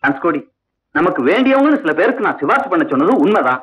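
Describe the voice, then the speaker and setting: An actor playing an angry, ashamed father-in-law accusing his son's wife, over loud music on a dull recording. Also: high voice, sing-song, quick pace.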